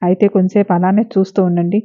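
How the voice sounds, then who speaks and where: Young woman in pain, defiant, sharp comebacks, flat delivery, tinny phone-like sound, read by a woman. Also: fairly low pitch, fast talker, natural voice. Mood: hurt, angry. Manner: pleading, sharp-tongued retorts.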